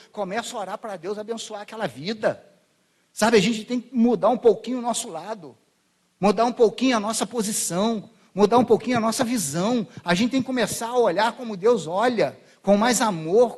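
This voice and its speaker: Male Brazilian pastor, high-pitched, conversational sermon in church, plays scenes out. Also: a little fast, husky. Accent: Brazilian Portuguese. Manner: conversational, acts out voices of biblical figures.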